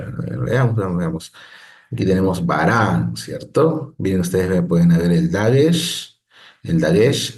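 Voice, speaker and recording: Low, mellow-voiced male teacher. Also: reverberant. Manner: patient, explanatory, frequent "¿no?" checks and restarts. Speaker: Biblical Hebrew teacher. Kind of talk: online lesson explaining on a screen.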